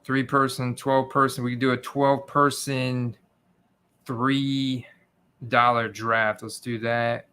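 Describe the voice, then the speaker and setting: A man's voice: medium pitch, level tone, slow, pushed and bright, clear, resonant tone. A man hosting a livestream, chatting casually and informally with his viewers. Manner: informal, addresses viewers as guys. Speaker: livestream host.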